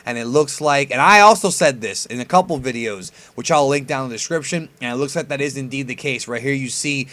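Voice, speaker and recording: His commentary comes a little fast and with hardly any pauses as he, the host of a reaction video, riffs on an anime preview like a fan. The talk is informal and sprinkled with mild profanity. His medium-pitched voice has a fairly bright tone.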